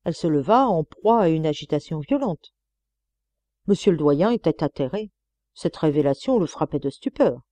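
Une lectrice de livre audio à la voix douce et feutrée, assez grave, qui raconte un roman avec des intonations très vivantes. Le son est proche et sec, sans réverbération. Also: female voice, low voice, animated, normal speed, dark tone, no echo. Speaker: audiobook reader. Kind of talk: scripted narration of a novel.

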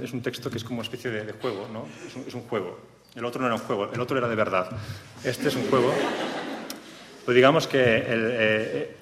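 A man at a live reading, his bright, forward voice rambling through hesitant asides and fillers. He sounds like he is in an echoey hall, with faint background noise. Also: mid-range voice. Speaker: invited reader. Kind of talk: live reading of a comic text.

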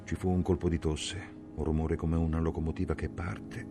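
Male narrator for a literary audiobook: very low, rough-textured voice, grave and measured, with music playing underneath. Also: little pitch movement. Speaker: audiobook reader.

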